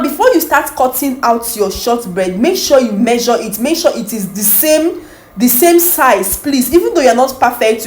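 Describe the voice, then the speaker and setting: Chatty woman baking tutorial host. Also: on the high side. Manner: friendly, repetitive, asks viewers "do you understand?".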